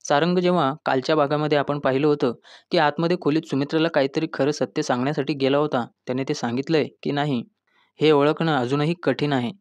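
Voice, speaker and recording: Higher-voiced man narrating a serial recap. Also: dry recording. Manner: retells scenes, reading characters' lines in quotes; addresses listeners as friends. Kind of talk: scripted episode recap narration.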